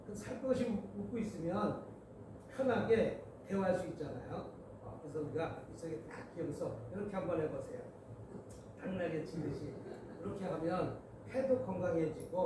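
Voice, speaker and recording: High-voiced male pastor in echoey church. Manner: playful, coaxes the congregation to repeat after him. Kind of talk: sermon at a prayer meeting. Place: church sanctuary. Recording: echoey church hall, distant mic, background noise.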